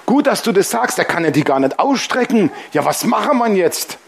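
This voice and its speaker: A man's voice: high-pitched, sing-song, a little fast, creaky, exaggerated voice. A man playing Jesus as a casual, joking figure in a sermon. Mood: amused. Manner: laid-back, joking, colloquial.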